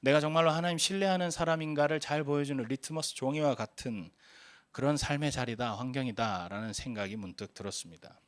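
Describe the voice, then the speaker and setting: A male pastor in his forties delivers a sermon in an earnest, storytelling manner, often pausing on hesitant fillers. His voice sits in an ordinary middle register. The sound is dry and close, with no room echo. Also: medium pitch.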